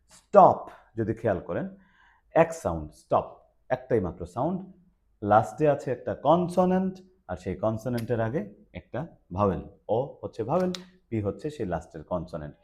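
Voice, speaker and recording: A man explaining English spelling rules, lively and emphatic, with frequent hesitation fillers. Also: medium pitch. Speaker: English teacher. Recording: dull lo-fi recording.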